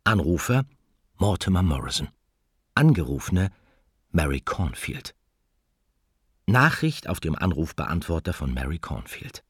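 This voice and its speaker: A man narrating a children's audiobook in a calm, even storytelling manner. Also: sits low, unhurried, long pauses, breathy edge, no room sound, studio quality.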